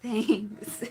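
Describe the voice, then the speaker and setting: A woman's voice: mid-range voice, darkish tone, a little hiss or hum. A woman hosting a casual livestream who laughs often, chats with viewers and tries tongue twisters. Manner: giggly, chatty, reads chat and tries tongue twisters. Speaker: livestream host. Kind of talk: casual livestream chat with singing.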